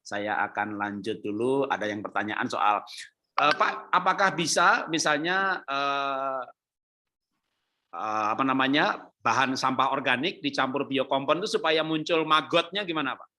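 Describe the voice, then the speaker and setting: A man's voice: medium pitch, lively intonation, measured pace, pushed and bright. A man hosting a webinar, reading out audience questions to his guest in an informal, joking way. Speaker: webinar host. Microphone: video call.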